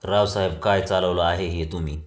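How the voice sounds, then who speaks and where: A man reading the lines of an adult village strongman under arrest, who shouts at first and then pleads. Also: low voice, fairly even intonation, moderate pace, echoey room, natural voice. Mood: furious.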